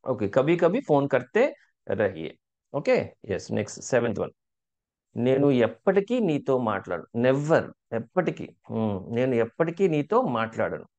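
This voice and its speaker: A man teaching a language lesson, asking learners questions and saying phrases slowly for them to repeat. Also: medium pitch, sing-song, darkish tone, lo-fi sound. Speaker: spoken Hindi teacher. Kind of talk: language lesson, drilling example sentences.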